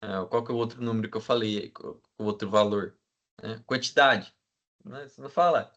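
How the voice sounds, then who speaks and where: A man teaching a class, checking in with the students all the time and filling pauses with hesitant sounds. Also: fairly low pitch, fairly bright tone, dull audio. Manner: asks the class for agreement constantly; fills with "né?" and hesitant "é". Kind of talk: classroom lecture.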